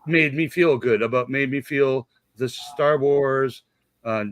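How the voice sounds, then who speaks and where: A man's voice: medium pitch, slow pace, dry recording. A man in his fifties hosting a casual fan chat, enthusiastic and rambling, with a jokey streak. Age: 50s. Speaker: show host.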